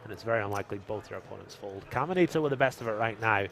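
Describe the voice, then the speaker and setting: A man's voice: fairly low pitch, lively intonation, rapid-fire, vocal fry, a bit bright. A man commentating a live poker stream, joking and reading viewer chat aloud.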